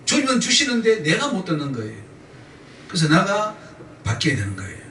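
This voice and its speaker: A man's voice: high-pitched, huge pitch swings, fairly quick, bright, forceful tone, a little hiss or hum. A male pastor preaching a sermon with emphatic repetition, leading the congregation in call-and-response. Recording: echoey church sound from a distant mic.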